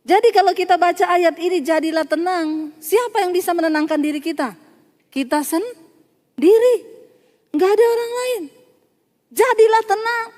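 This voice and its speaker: Animated woman preacher in a reverberant hall. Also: very high voice, moderate pace. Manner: animated storytelling with acted quotes and laughter. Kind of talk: sermon.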